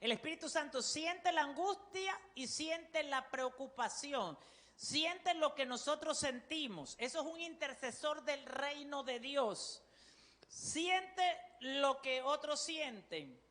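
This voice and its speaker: Woman pastor, Panamanian Spanish accent, sermon delivery, bright and piercing. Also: sits high, takes it slowly, long reverb tail. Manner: forceful, loud preaching voice; calls on the congregation to repeat.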